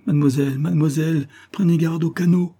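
A man's voice: mid-range voice, moderate pace, mellow, voice pushed up, lightly acted. A man voicing a worried, loyal old male miller in an audiobook.

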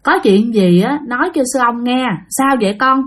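A woman voicing a gentle, coaxing elderly male Buddhist monk. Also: fairly high pitch, moderate pace, close to an everyday voice.

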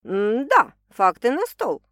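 A woman's voice: on the high side, wildly swooping pitch, slow, fairly bright tone, no room sound, full character voice. A woman voicing a tired, suspicious young woman who demands details, in a dry recording.

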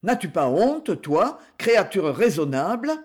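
Man reading devoted friend, fervent and reproachful, lively high voice. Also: a little slow, breathy edge, exaggerated voice. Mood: pleading. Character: loyal male friend, pleading and fervent.

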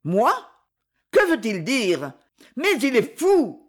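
A woman's voice: fairly high pitch, sing-song, measured pace. A reader voicing an agitated woman who accuses another in court with indignant outbursts. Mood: outraged.

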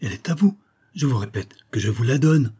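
A man's voice: mid-range voice, expressive, a little fast, mellow, breathy edge. A man voicing a frank, fatherly older baron who speaks earnestly and cordially. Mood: bewildered.

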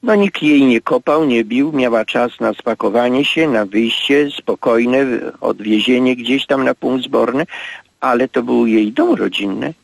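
A priest in his eighties giving a radio interview, speaking slowly and reflectively with halting pauses. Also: medium pitch, vocal fry, no echo, low-quality recording. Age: 80s. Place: radio studio.

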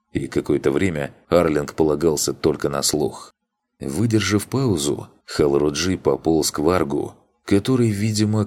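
Очень низкий мужской голос читает книгу. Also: male voice, rumbling low, darkish tone. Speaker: audiobook narrator. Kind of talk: scripted audiobook narration.

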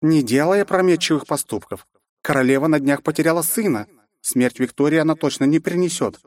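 A man reading an audiobook, voicing a shy female cat companion who pleads timidly and softly. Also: a little high, a little fast, pitched above the performer's own voice, natural voice. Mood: pleading. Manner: timid, soft.

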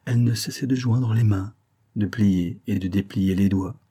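A man narrating a literary story aloud in a measured, even manner. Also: lowish voice, slightly rough. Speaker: audiobook narrator. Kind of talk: scripted narration.

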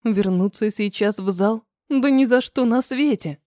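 A woman's voice: on the high side, a little slow, mellow, dry recording, clean studio sound. A woman narrating a novel in the first person as an audiobook reader, telling it evenly and expressively.

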